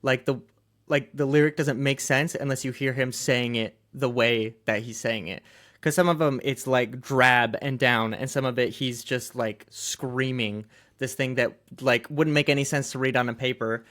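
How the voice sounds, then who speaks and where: A man's voice: mid-range voice, steady tone, moderate pace, a bit bright. Laid-back rambling man, music podcast. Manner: rambling, filler-heavy, laughs often. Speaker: podcast co-host. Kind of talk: casual chat about music.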